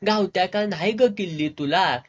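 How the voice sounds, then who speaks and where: A narrator voicing a gruff, stubborn village husband in rough rural dialect, reading a serialized novel. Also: mid-range voice, moderate pace, close to an everyday voice. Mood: grumbling.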